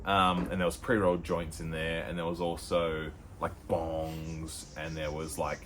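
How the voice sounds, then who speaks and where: A young Australian man co-hosting a podcast, telling a rambling story with lots of fillers and quick put-on voices. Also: very deep voice, little pitch movement, a bit bright, slight background noise. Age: young adult. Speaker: podcast co-host. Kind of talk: casual chat.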